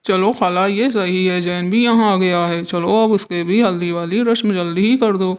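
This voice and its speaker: A woman's voice: on the low side, moderate pace, clean tone, voice pushed down, lightly acted. A woman voicing a cheerful male uncle in a doll story, jolly and a little bossy with a child. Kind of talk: doll story role-play.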